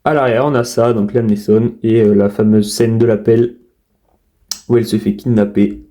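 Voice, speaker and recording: A man's voice: fairly low pitch, fairly even intonation, moderate pace, warm tone. A man casually showing his disc collection in an unboxing video, talking in a chatty, hesitant way with many fillers and restarts.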